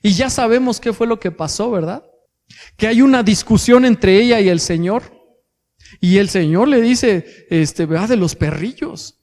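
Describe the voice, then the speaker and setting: A man with a Mexican accent preaching a sermon in a church, asking his congregation rhetorical questions and pausing on fillers as he goes. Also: sits high, a little mellow, in a large hall. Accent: Mexican Spanish. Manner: addresses congregation as brothers, asks rhetorical questions; hesitant fillers and restarts. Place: church hall.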